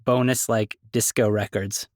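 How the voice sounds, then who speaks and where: A man hosting a podcast in casual chat, playful and upbeat, quick with jokes. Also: lowish voice, steady tone, a little mellow, dry recording, studio quality. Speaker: podcast host.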